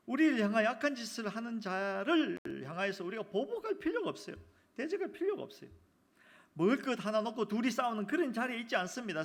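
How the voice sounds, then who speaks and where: A male pastor preaching a sermon in a church, animated and asking the congregation questions. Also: sits high. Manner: animated, acts out quotes, asks the congregation questions.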